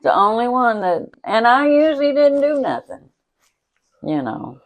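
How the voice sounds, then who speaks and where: A woman's voice: fairly high pitch, big pitch swings, unhurried. An older woman tells family stories in casual chat. She laughs often and acts out the voices of the people in her stories. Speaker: interviewee, mother.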